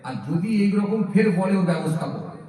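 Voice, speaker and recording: A man's voice: high-pitched, a little fast, dark tone, lightly acted. A man preaching at an outdoor gathering, voicing an irritable middle-aged man who has been fishing all day with no luck. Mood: irritated. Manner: irritable, snapping. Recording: echoey PA sound from far off.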